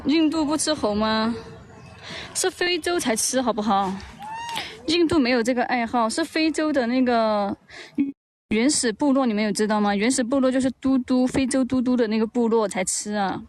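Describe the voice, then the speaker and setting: A woman's voice: on the high side, normal speed, darkish tone. A woman hosting a casual livestream in an outdoor park, chatting, teasing and cooing in baby talk on a handheld phone. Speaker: livestream host.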